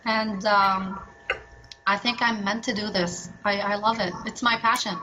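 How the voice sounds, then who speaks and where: A woman from Lebanon who works as a translator and interpreter, answering interview questions in an energetic, chatty way with many restarts. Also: medium pitch, unhurried. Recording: noisy recording with clicks.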